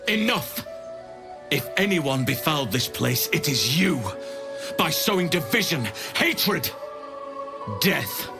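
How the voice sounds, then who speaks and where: A man's voice: fairly high pitch, lively intonation, slow, creaky, pauses often, heavily acted. A man playing a righteous druid leader in a video game, grave, commanding and declamatory. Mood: righteous fury. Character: big druid leader, righteous, solemn, angry protector of nature. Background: game music.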